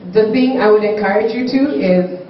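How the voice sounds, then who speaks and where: A woman's voice: mid-range voice, normal speed. A woman judging a talent show, giving encouraging feedback and practical coaching tips to a contestant. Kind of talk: live spoken feedback to a contestant. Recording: echoey hall, distant dull microphone, faint noise.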